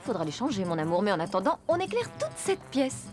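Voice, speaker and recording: A tender young mother, lively. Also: mid-range voice, brisk, music in the background. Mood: coaxing. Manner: tender, coaxing, sing-song to a baby. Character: young woman, gentle and affectionate. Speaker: young mother caring for a baby. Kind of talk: French dub of a telenovela.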